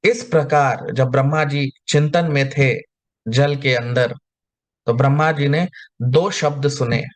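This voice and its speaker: A man giving a scripture lecture, chanting verses slowly and then explaining them line by line. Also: mid-range voice. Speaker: spiritual teacher.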